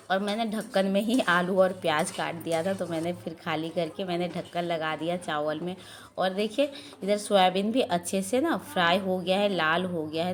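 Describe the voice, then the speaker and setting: A woman in her thirties with a hoarse voice from a sore throat, narrating a casual cooking and daily-life vlog from her home kitchen in a chatty, rambling way. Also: lowish voice, a little hiss or hum. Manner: chatty, rambling, frequent filler "ना". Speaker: vlogger and mother.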